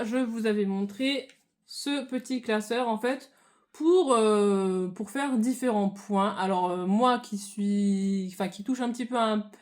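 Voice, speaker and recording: A woman vlogging about her crafts, chatting casually to viewers with many hesitations and restarts. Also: a little high. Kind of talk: casual hobby chat to viewers.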